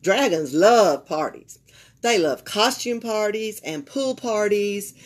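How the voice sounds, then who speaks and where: Seated at a library table, an older woman with a Southern US accent reads a children's picture book aloud in an expressive way, pausing to speak to the little ones listening. She's from Alabama, and her medium-pitched voice has a slight rasp.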